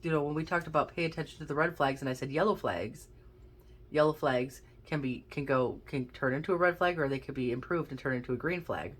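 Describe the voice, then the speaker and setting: A woman's voice: deep voice, fairly quick. Woman rambling through a card reading. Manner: rambling, thinks aloud with many restarts. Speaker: tarot card reader. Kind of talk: casual pick-a-card reading.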